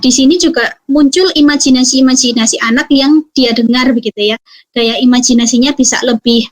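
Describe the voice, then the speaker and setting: High-voiced woman giving a parenting talk. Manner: explanatory, many fillers and tag questions. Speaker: parenting speaker. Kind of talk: webinar talk.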